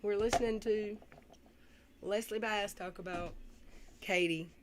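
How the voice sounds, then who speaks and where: A woman giving casual reaction commentary on a livestream, often clearing her throat and pausing to read comments. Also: medium pitch, fairly even intonation. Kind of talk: casual reaction commentary, reading live chat. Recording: faintly noisy livestream audio.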